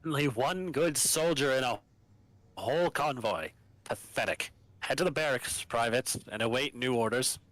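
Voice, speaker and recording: Man playing stern governor, game character, military formality, curt, commanding, forceful bright voice. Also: medium pitch, moderate pace, no echo, close to an everyday voice, low-quality recording.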